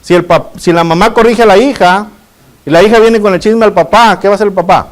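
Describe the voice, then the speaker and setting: A middle-aged pastor delivers a sermon in a fairly high voice. He keeps calling on his listeners as brothers and keeps asking them questions. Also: fairly quick. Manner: addresses the congregation as brothers and asks rhetorical questions.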